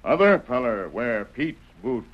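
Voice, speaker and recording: Slow, halting tracker sidekick Tonto. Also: male voice, medium pitch, sing-song. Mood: grave, intent. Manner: halting broken English with grunted interjections. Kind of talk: 1940s radio western acting. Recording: muffled, noisy old radio recording.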